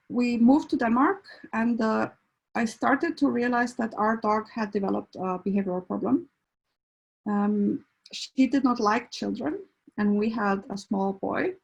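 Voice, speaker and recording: A middle-aged woman from Iceland talks through a casual introduction as a veterinarian. Her voice has a gravelly fry and a husky edge. She pauses often and restarts her sentences. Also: mid-range voice, low-quality recording. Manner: hesitant, many fillers and restarts. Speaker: veterinarian and behavior counselor.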